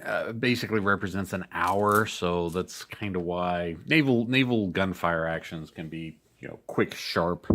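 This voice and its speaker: Man, middle-aged, from Denver, gravelly, fairly low, relaxed rambling wargame host. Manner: relaxed, rambling, yawning, thinks aloud. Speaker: board game video host. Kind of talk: casual wargame playthrough.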